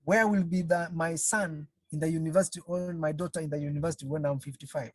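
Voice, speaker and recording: A counselling trainer speaks on a video call for an online webinar, in a mid-range voice with fairly even intonation. The delivery is slow and halting, with repeated phrases and frequent rhetorical questions to the audience. No echo is present.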